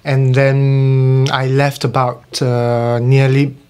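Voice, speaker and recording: A man's voice: medium pitch, completely flat delivery, takes it slowly, darkish tone, clear, resonant tone. Hesitant Singaporean man, reflective guest. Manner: hesitant, many fillers and restarts, reflective. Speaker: arts festival curator. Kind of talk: radio interview. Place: radio studio.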